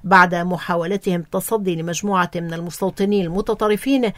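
A woman reading formal radio news headlines in a measured, even delivery. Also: on the low side, no room sound. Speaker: newsreader.

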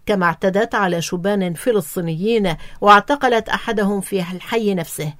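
A woman reading formal radio news headlines in a measured, even delivery. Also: mid-range voice, no echo, clean studio sound. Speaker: newsreader.

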